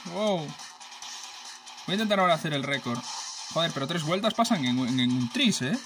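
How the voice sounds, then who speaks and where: Excitable, foul-mouthed Spanish gamer man. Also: on the high side, normal speed. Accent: Spain Spanish. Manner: excitable, profane, joking trash talk at rivals. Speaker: gaming channel host. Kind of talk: let's play commentary. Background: racing game music and sounds.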